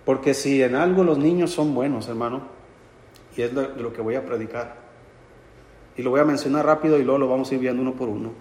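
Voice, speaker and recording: Spanish-speaking preacher in an echoey church. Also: male voice, mid-range voice, a little fast, a little mellow. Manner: addresses congregation as brothers, rising emphasis on key phrases. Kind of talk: sermon.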